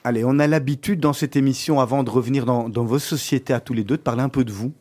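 Mellow-voiced male radio host. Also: mid-range voice, quick pace, no echo. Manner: stumbling, repeats words. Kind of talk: radio talk show.

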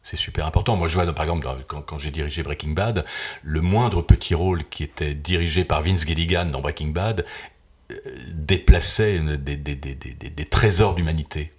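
French guy with a really low voice, super earnest, says stuff twice for emphasis. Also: moderate pace, a little mellow. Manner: earnest, emphatic, repeats key phrases. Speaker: guest voice actor and dubbing director. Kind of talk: casual interview chat.

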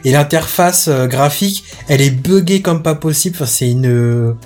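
A man's voice: fairly high pitch, moderate pace, darkish tone, soft background music. A man co-hosting a casual tech podcast chat, blunt and swearing casually.

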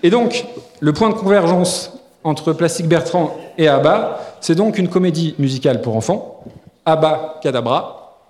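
A man's voice: on the high side, lively intonation, normal speed, a little mellow. A man co-hosting a live podcast on stage, joking and rambling with lots of fillers and restarts. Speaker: podcast co-host. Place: live festival stage before an audience. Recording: echoey hall with long reverb.

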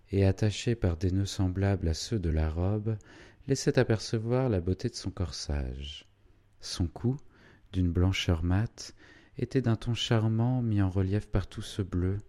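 Man reading a classic novel in a mellow low voice. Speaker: audiobook narrator. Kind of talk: scripted narration of a classic novel.

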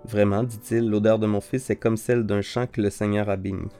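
A man reading the part of an old blind father, speaking in slow, grave pronouncements. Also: fairly low pitch, little pitch movement, mellow, clean tone, soft background music, close to an everyday voice. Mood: solemn. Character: old blind father Isaac, frail and solemn.

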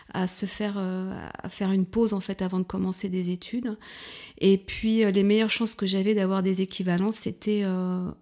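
A woman in her fifties from France, speaking as an interview guest in a hesitant way, with many fillers, restarts and soft, half-whispered stretches. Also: mid-range voice. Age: 50s. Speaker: guest, couples therapist. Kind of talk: casual interview talk.

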